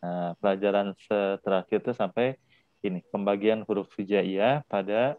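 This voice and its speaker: Patient low-voiced male Arabic teacher. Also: moderate pace, narrow, tinny audio, background noise. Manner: patient, repeats words for drilling. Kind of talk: online class teaching.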